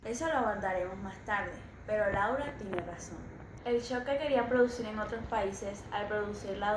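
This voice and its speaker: A woman's voice: mid-range voice, roomy sound, noisy background. A woman reading a scripted school debate, firm and corrective.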